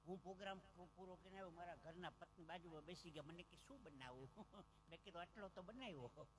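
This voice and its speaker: A man's voice: high-pitched, fast talker. A man with a Gujarati accent telling jokes and stories as a folk comedian on a live village stage, acting out the voices of his characters. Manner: animated joke-telling, acting out other voices. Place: outdoor village stage with a PA system.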